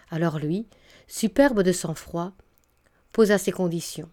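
Mellow-voiced woman reading a novel. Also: lowish voice. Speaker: audiobook narrator. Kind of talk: literary audiobook reading.

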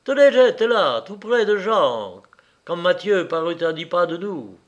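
A tired, consumptive Corsican man tells his story in a flat, dragging voice, put on by a male reader. He speaks high and loud, resigned yet proud. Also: unhurried. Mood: grim. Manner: monotone, dragging, coughing between phrases.

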